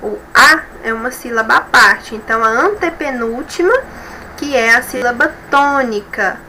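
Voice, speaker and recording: Bright-voiced woman teaching patiently. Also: on the high side, slight background noise, poor audio. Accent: Brazilian Portuguese. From Brazil. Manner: slow, explanatory, repeats rules and checks with "tá bom?". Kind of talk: recorded school review lesson.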